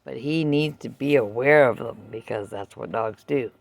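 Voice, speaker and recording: Gravelly older woman, chatty vlog. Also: a bass voice. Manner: unhurried, chatty, talks to her dog between remarks. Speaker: vlogger. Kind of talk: casual vlog monologue. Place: outdoors in a yard and deck, with her dog.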